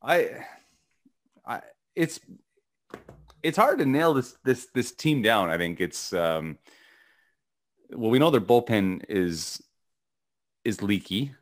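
A middle-aged man co-hosting a casual sports podcast, talking in a gravelly morning voice, rambling and halting with many restarts and fillers. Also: lowish voice, big pitch swings. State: voice cracking. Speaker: podcast co-host.

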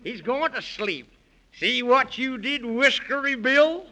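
A man's voice: very high-pitched, lively intonation, bright, forceful tone, slight background noise, exaggerated voice. A man playing a grumpy, flustered old fusspot who sputters and frets, in 1930s children's radio drama style. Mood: fretful, alarmed. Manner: sputtering, fretful, drawn-out exclamations.

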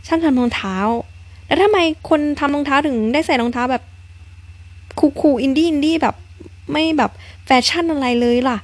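A woman voicing the confused young heroine of a story game, grumbling to herself in a slightly raised, slowed voice. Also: high voice, a little mellow, no room sound, pitched above the performer's own voice, lightly acted. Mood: puzzled. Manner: wondering, grumbling aloud to herself.

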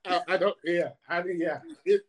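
A man's voice: high-pitched, moderate pace. A young man, chatting casually in slangy, sweary stories. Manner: slangy, animated storytelling with frequent swearing. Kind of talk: casual group chat.

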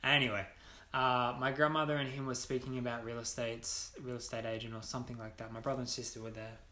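A man's voice: medium pitch, level tone, fast, sharp tone. A young man, a podcast guest, telling a personal story candidly, bluntly and with frequent swearing. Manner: blunt, swears freely, many restarts. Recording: roomy echo.

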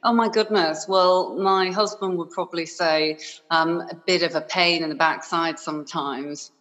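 A woman's voice: on the low side, steady tone, measured pace, fairly bright tone, long reverb tail, low-quality recording. A woman from Hong Kong raised in England, talking effusively as a podcast guest with many fillers. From born in Hong Kong, raised in Yorkshire, England. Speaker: podcast guest, business owner. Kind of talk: conversational interview.

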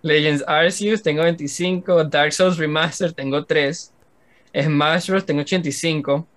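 A man's voice: a little high, fairly even intonation, measured pace, fairly bright tone. A young man with a Venezuelan accent, co-hosting a casual podcast chat and rambling through a list of his games. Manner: rambling, listing game hours with laughs. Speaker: podcast co-host.

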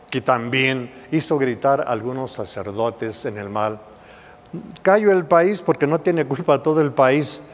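Male preacher, fairly high voice, fervent and repetitive, sermon delivery. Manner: impassioned, repetitive emphasis. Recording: long hall reverb.

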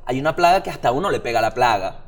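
A man's voice: medium pitch, very fast. A man with a Venezuelan accent, co-hosting a casual chat full of slang and jokes. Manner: slangy, animated, joking. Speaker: podcast co-host.

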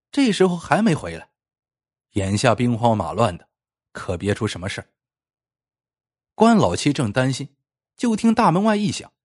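A man narrating a scripted story, telling it in a lively way with a slightly husky voice. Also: mid-range voice. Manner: lively storytelling, plainly voicing characters' speech.

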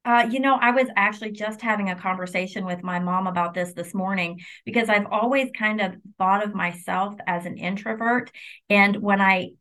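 A woman's voice: mid-range voice, normal speed, a bit bright. Reflective middle-aged American woman guest. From Illinois, United States. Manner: reflective and open, with frequent restarts. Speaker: university vice president and general counsel, guest. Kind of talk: conversational interview.

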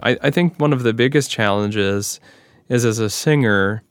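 A man's voice: mid-range voice, moderate pace, smooth, no room sound, studio quality, faint music behind. An American man from near Cleveland, a singer answering interview questions in a direct, earnest, explanatory way. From near Cleveland, United States. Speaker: professional singer, interview guest.

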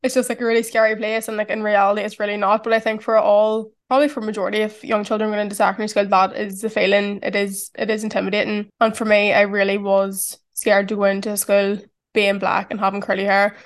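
On her solo podcast, an Irish woman in her twenties with a strong accent talks in a chatty, reflective way, using "like" frequently. Her mid-range voice holds a level tone, moving quickly with few pauses.

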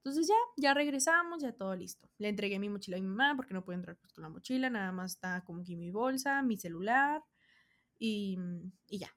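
A woman's voice: mid-range voice, fairly quick. A young adult woman with a Mexican accent telling a casual storytime, full of slang and acting out what people said. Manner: animated, slangy, acts out quotes. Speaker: vlogger.

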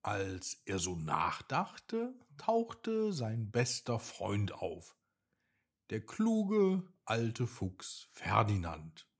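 A man narrating a children's bedtime story in a slow, gently expressive reading style. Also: lowish voice, husky.

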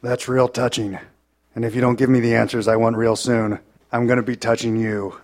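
An actor playing a tough, menacing 1930s American adventurer with a gruff, hard-boiled manner in a live audio drama. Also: male voice, mid-range voice, level tone, normal speed, darkish tone, natural voice.

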